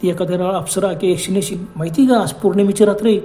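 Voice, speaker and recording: A man's voice: sits high, fast, mellow, natural voice. A man voicing frightened young men in a spoken horror story, calling out urgently and repeating words. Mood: fearful. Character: panicky young men fleeing a forest ghost.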